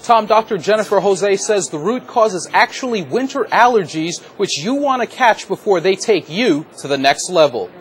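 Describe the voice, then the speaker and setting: A man's voice: high voice, animated, normal speed, few pauses. An American man delivering a scripted television news report as a reporter.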